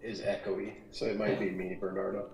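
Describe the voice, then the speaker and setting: Low-voiced man in an echo chamber. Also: level tone, fairly quick, a little mellow, faint music behind. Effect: echoey, bathroom-like room sound. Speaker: fellow gamer on a livestream. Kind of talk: casual gaming chat. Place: echoey home office. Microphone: voice chat mic, played through speakers. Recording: echoey office heard over voice chat.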